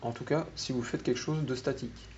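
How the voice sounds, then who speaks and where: A man's voice: medium pitch, steady tone, fairly quick, darkish tone. A man with a French accent giving a tech meetup talk to an audience, explaining things patiently and putting questions to the listeners. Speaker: meetup speaker. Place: meeting room. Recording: slightly dull room recording with faint noise.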